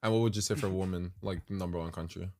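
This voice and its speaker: A young man co-hosting a podcast in casual chat, animated, asking questions and laughing easily. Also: deep voice, fast. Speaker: podcast co-host.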